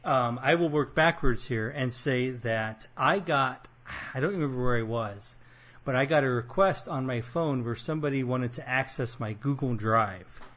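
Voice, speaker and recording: A man's voice: medium pitch, moderate pace, a bit bright. A young man with a Midwestern accent hosting a casual podcast chat, rambling and self-deprecating with lots of fillers. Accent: Midwestern American. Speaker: podcast host.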